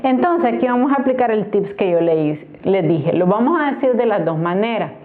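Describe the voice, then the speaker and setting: A woman with a Nicaraguan Spanish accent teaching a grammar lesson, patiently spelling out syllables slowly. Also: mid-range voice, lively intonation. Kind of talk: explaining a grammar tutorial. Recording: tinny phone-like recording.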